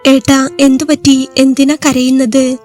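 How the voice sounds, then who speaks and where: Caring young wife in a storybook, read by a woman, gently worried, higher voice, little melody. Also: level tone, unhurried, soft background music. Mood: concerned.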